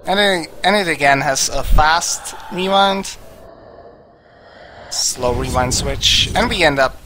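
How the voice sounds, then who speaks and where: A man talks through his speedrun live, loose and rambling with lots of fillers. His voice sits a bit high and comes across bright and forceful, with a faint hiss of background noise. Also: slow. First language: Czech. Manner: casual, rambling, filler-heavy with frequent "like". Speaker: speedrunner at a charity marathon. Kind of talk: live gameplay commentary.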